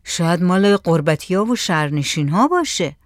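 A woman's voice: on the low side, big pitch swings, no echo, studio quality. Woman reading as an impatient young village lad. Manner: impatient, matter-of-fact. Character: young village headman's son, impatient and practical.

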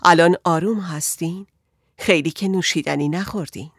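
A woman voicing a patient male doctor who speaks gently and reassuringly to a troubled patient in an audiobook. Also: lowish voice, no room sound, studio quality. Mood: soothing.

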